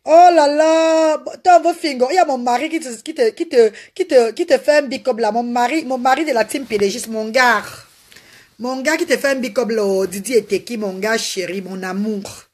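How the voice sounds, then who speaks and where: Husky-voiced woman on a live stream. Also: fairly high pitch, brisk. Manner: animated, repetitive, greets viewers by name. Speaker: live-stream host selling a slimming potion. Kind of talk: casual live-stream chat to viewers.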